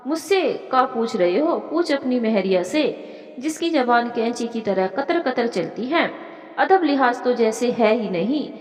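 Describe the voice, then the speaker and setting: Woman voicing a loud, taunting older mother-in-law, high and swooping, for a storybook; echoey room. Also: lively intonation, unhurried. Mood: bitter complaining. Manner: shrieking taunts, then wailing to God. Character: shrill scolding older mother-in-law, spiteful and self-pitying. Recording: echoey room with long reverb.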